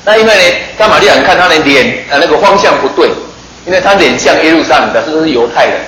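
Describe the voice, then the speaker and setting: Male preacher, chatty and quick sermon delivery, roomy hall with faint noise. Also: fairly high pitch, animated, bright, forceful tone. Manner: chatty, joking, asks the listeners rhetorical questions.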